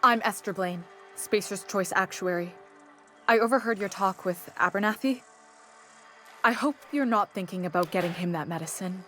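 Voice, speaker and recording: An actress playing a businesslike, scheming company actuary in a video game, formal and persuasive. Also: female voice, medium pitch, normal speed, close to an everyday voice. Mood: cool, persuasive. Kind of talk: video game character dialogue. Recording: game music behind the voice.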